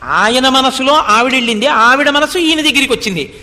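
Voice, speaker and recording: A man with a very high, bright voice delivers a devotional scripture discourse. He expounds point by point, poses rhetorical questions and chants Sanskrit verses. His voice rings with a long hall reverb. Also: expressive, brisk. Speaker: spiritual discourse speaker.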